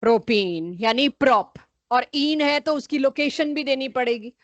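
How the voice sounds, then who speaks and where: A woman's voice: high voice, measured pace, no echo. A woman chemistry teacher giving a live online class, calling on students by name and correcting them firmly.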